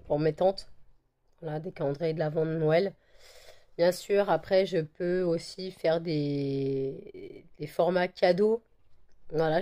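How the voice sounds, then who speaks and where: Woman, hoarse with a cold, low voice, mellow tone, rambling casual vlog chat. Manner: rambling, many fillers and repeated words; coos at her dogs in a high sing-song. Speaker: vlogger selling handmade candles and wax melts.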